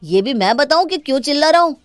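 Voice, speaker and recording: A woman voicing a young husband and son who scolds his wife and protects his mother, in an animated story. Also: sits high, fast talker, no echo. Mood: angry.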